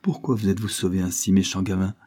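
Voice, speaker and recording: A man's voice: low voice, quick pace, dark tone. A man voicing a blunt, harsh woman servant who scolds brusquely. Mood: scolding.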